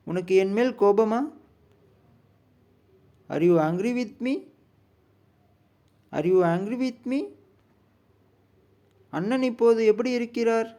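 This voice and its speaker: A man with a Tamil accent teaching spoken English, reading each sentence slowly and twice for learners. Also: high voice, mellow.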